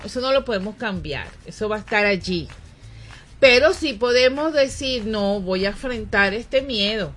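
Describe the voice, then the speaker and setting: A woman's voice: a little high, fairly bright tone. A woman with a Venezuelan accent hosting a radio talk show, speaking thoughtfully, correcting herself and turning to address listeners directly. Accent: Venezuelan Spanish. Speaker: radio host. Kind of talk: casual studio chat. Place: radio studio.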